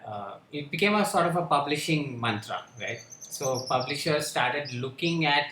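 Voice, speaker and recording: A man speaking on a panel discussion, halting and full of fillers and restarts. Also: fairly high pitch, expressive, pushed and bright, slight background noise. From India. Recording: echoey room with faint ambience.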